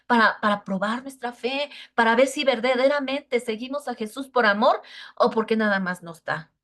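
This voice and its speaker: A woman giving a children's Bible lesson, earnest and often checking in with the children through short tag questions. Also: medium pitch. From Mexico.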